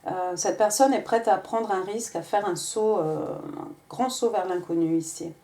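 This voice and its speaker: A woman's voice: mid-range voice, normal speed, dark tone. A woman giving a casual tarot reading, talking with many hesitations and restarts. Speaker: tarot reader.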